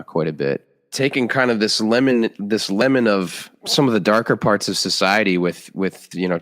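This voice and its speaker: A man's voice: sits low, long reverb tail. A man hosting an interview podcast, casual and chummy, often restarting his sentences and calling his guest "man". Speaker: podcast host.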